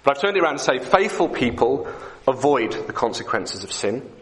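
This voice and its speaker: A man's voice: mid-range voice, very animated, a little fast. A man preaching an evening sermon in a conversational way, often asking the congregation questions.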